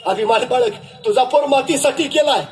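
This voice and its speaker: A noble king speaks with reverent, consoling gentleness, as a man acts him out in a told story. The voice is very high and earnest. It stays respectful throughout. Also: normal speed. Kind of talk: storytelling in a public speech.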